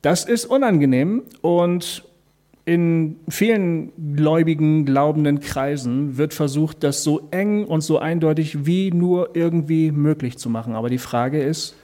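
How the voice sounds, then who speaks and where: Guy doing a calm faith talk, kinda high voice but warm and soft, talks right to you, lots of questions. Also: measured pace. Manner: explains calmly, speaks directly to the listener; asks rhetorical questions.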